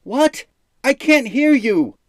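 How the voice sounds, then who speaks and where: A defiant young prince yells in a high, strained voice, loud and urgent, as an audiobook narrator acts him out. The sound is close and dry. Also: male voice, big pitch swings, slow, dry recording, exaggerated voice. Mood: furious shouting. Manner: shouting, raised and strained. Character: young male prince, hot-headed and defiant. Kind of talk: audiobook character voice.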